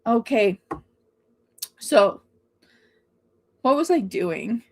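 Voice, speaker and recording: Female live-stream tarot host, relaxed and slow, casual chat with frequent laughs. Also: on the high side, soft background music. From Oregon. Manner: chatty, greets viewers by name, laughs often.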